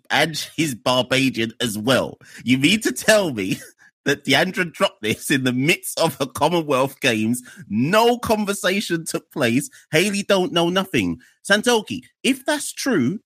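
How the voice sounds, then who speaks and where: A man co-hosting a casual cricket podcast, animated and jokey, acting out quotes in a mocking voice. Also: fairly high pitch, slow, breathy edge, no room sound, clean studio sound. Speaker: podcast co-host.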